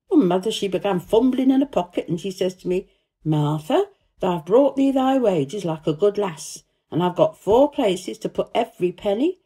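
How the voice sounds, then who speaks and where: Reading from a storybook, a woman takes on the role of a young housemaid, cheerful and warm-hearted, eagerly gossiping in a broad Yorkshire dialect. Her voice sits at medium pitch and has a breathy edge.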